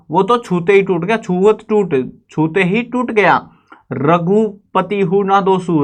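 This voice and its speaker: Male teacher, explanatory lesson delivery; slow verse reading, relaxed asides, fairly high voice. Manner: recites verses slowly, then explains in chatty asides. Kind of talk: casual line-by-line explanation of a poem.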